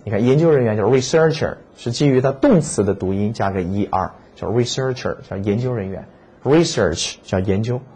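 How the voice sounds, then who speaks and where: A man's voice: medium pitch, darkish tone, slightly rough. A man teaching exam vocabulary in a lecture. He speaks emphatically, repeats key words and asks rhetorical questions.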